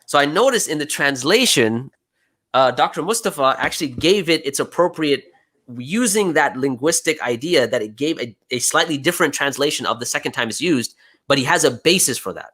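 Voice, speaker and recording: Guest-speaking on a live stream, this young man from the United States has a fairly high, expressive voice that runs a little fast with a sharp tone. He's chatty and relaxed, laughing frequently and saying "you know" and "right" a lot.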